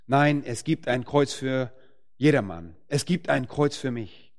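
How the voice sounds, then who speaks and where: Guy preaching a sermon, mid-pitched voice, gets loud and slow on the big points. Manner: emphatic, rising to forceful peaks on key phrases; slows down to stress words.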